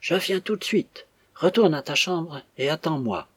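A man reading the lines of a secretive, wistful young woman in an audiobook, with a husky voice. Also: mid-range voice, sing-song, moderate pace, dry recording. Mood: commanding.

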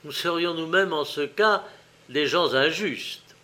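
A man narrating a literary tale, reading slowly and expressively with wide swings in loudness. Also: fairly high pitch.

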